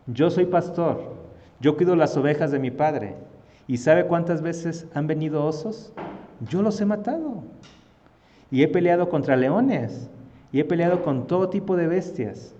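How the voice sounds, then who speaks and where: A man's voice: a little high, animated, moderate pace, long pauses, warm tone, long reverb tail, dull audio, lightly acted. A man voicing a bold, indignant young shepherd who pleads earnestly. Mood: confident.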